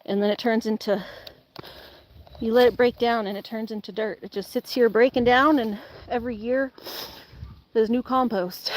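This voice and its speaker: Shoveling compost outside in a farmyard garden, a woman running an animal channel chats loosely to a live audience, her allergies making her sound sniffly. She rambles, uses "like" often, and pauses frequently, speaking at a moderate pace in a steady, fairly high voice.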